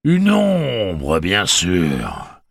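A man voicing a vast train computer that speaks slowly and thoughtfully. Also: low voice, huge pitch swings, creaky, no echo, clean studio sound, voice pushed up, exaggerated voice. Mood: musing. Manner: slow, musing. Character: vast calm train computer, pleased and nostalgic.

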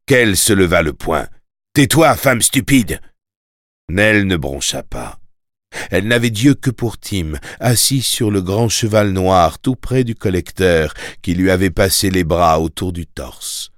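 A man reading an audiobook in measured, expressive storytelling narration. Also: low-pitched, no room sound, clean studio sound.

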